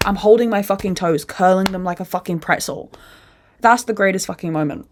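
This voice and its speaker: A young woman hosting a casual podcast, telling a rambling, animated story full of swearing and acting out other people's voices. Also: medium pitch, a little fast, noisy background. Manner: acts out other people's lines in put-on voices. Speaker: podcast host.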